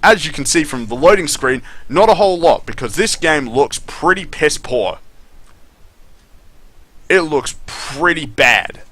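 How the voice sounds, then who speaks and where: A man's voice: fairly high pitch, lively intonation, slow pace, long pauses, sharp tone. A man doing casual gameplay commentary, complaining and swearing in a disgruntled way. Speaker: gaming commentator.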